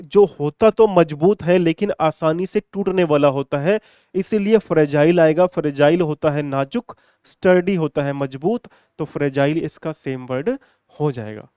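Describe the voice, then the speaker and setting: A man teaching an exam-prep vocabulary lesson in a chatty, repetitive way, warmly addressing his students and mixing in English phrases. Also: fairly high pitch, clean tone, dry recording, studio quality.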